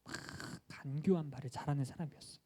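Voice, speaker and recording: A man's voice: fairly high pitch, quick pace, mellow, breathy edge. A young male pastor giving a playful children's sermon, asking questions and acting out quotes.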